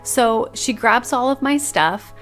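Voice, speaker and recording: A woman's voice: a little high, animated, slow pace, fairly bright tone, soft background music. A young woman hosting a podcast, telling a personal story in a casual, chatty way with lots of filler words. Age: young adult. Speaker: podcast host.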